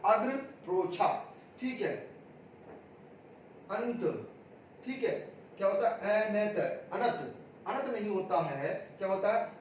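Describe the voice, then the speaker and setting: A man's voice: high voice, slow, pauses often, a little hiss or hum. A man teaching an exam-prep grammar lesson, drilling students with repeated questions and answers. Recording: echoey room, distant mic, dull sound.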